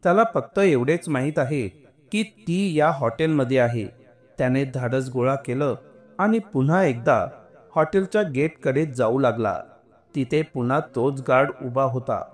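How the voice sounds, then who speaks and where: A man narrating an emotional story in a slow, earnest way. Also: mid-range voice.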